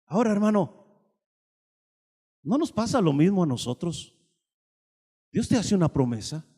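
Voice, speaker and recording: A man preaching a sermon, swinging between loud emphatic lines and soft asides. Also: sits high, sing-song, measured pace, slightly rough, big-room sound. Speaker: pastor.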